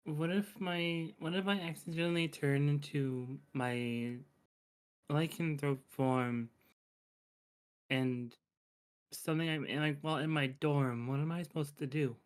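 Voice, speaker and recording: A man voicing a nervous young lycanthrope student in a tabletop game, halting and deferential. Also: fairly high pitch, steady tone, smooth, close to an everyday voice.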